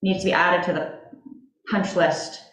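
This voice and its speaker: A woman's voice: fairly low pitch, fairly even intonation, unhurried, fairly bright tone. A woman in a town meeting, explaining step by step with many fillers. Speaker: commission member. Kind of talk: casual meeting discussion. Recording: echoey meeting room.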